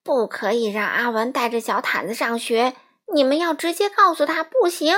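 A woman's voice: high-pitched, moderate pace, fairly bright tone. A woman voicing a fussy, bossy middle-aged woman neighbor in a storybook, nagging and know-it-all.

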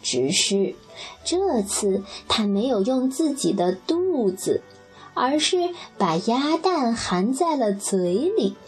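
A woman gently reading a children's story aloud and speaking to the child listener. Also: on the high side, sing-song, slow, soft background music.

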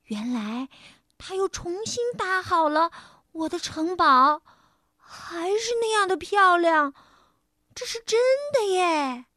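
A woman storyteller and radio host, reading a children's picture book in a playful, expressive first-person voice. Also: extremely high pitch, slow pace, dry recording, clean studio sound.

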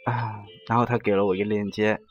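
A man's voice: lowish voice, level tone, fast, lo-fi sound. Sarcastic man ranting over faint music. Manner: sarcastic, exasperated, mocking quoted people. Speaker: commentator telling a personal story. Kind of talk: casual storytelling rant.

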